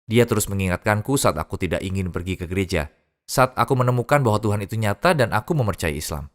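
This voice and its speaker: A man's voice: fairly low pitch, animated, fast. A man earnestly telling his own conversion story in a dubbed first-person testimony.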